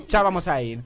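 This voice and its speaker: A man with a Rioplatense Spanish accent hosting a comedic radio talk show, playful and teasing, often stammering and repeating words. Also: high voice.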